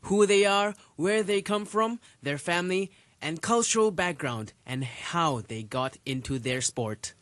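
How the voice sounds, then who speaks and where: Podcast co-host, measured and steady, mid pitch, dry close sound. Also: dry recording. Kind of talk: semi-scripted podcast hosting.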